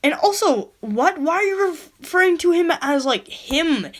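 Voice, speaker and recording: A young woman who reviews stories online, reading one aloud and breaking off with quick, incredulous questions. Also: very high voice, lively intonation. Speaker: online story critic. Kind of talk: casual reading and critique.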